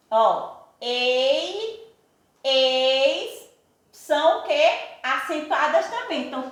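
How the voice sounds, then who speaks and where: Slow, high-voiced woman teacher in an echoey room. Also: fairly bright tone. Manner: patient, repeats and asks the class rhetorical questions. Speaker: primary school teacher. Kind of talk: recorded online class.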